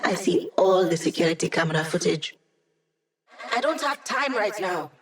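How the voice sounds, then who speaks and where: A woman's voice: on the low side, lively intonation, normal speed, lightly acted. Hack, a wry digitized hacker played by a woman. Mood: dry, teasing. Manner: wry, casual, techy chatter. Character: digitized young female hacker, wry, upbeat AI ally. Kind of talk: video game voice acting.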